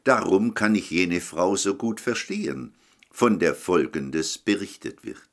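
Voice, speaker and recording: A man preaches a short telephone sermon in a very deep voice. He takes his time and his pitch rises and falls a lot. He pleads with the listener and addresses them directly. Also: animated, measured pace.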